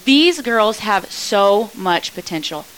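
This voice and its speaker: Upbeat woman softball coach. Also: mid-range voice, sing-song, takes it slowly, smooth, rough recording. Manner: upbeat, emphatic. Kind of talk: casual interview chat.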